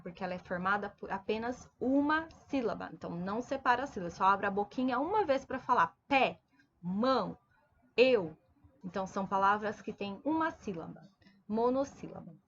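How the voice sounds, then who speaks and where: A woman teaching a primary school video lesson, patiently addressing children and sounding out words slowly, syllable by syllable. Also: on the high side, fairly bright tone, muffled recording, slight background noise. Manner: slow, deliberate syllable-by-syllable enunciation.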